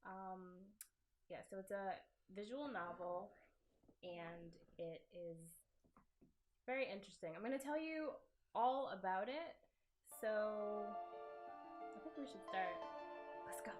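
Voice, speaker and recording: Speaking slowly with frequent pauses, this young woman has a medium-pitched voice. She's the game's developer, giggling through a loose, self-mocking let's play as music from the game plays underneath.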